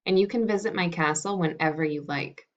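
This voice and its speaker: A proud storybook king, read aloud by a woman protests in a loud, defensive voice. His voice sits a little low, and the recording sounds dull and lo-fi. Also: a little fast, close to an everyday voice. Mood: conciliatory.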